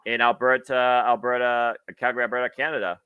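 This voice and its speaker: A man doing wrestling play-by-play commentary, with halting, wordy analysis between calls of the moves. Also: mid-range voice, level tone, clean tone, no echo, phone-quality sound.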